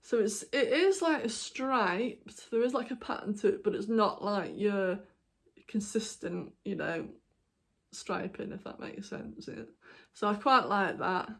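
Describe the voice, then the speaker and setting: A knitting podcaster from the United Kingdom talks in an unhurried, medium-pitched voice with a fairly bright tone. In her casual show-and-tell vlog she meanders through her projects, full of ums and apologies, while hiccuping.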